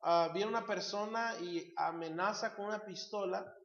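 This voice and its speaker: A man's voice: high voice, moderate pace, gravelly, fairly bright tone. A man preaching a sermon, emphatic and asking the congregation questions. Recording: roomy, slightly dull church recording.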